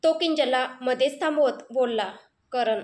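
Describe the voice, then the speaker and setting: A woman with a high, bright voice reads a love story aloud. Her narration is emotive and dramatic, leaning into each feeling. She tells it in a scripted storytelling style. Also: moderate pace, slight background noise.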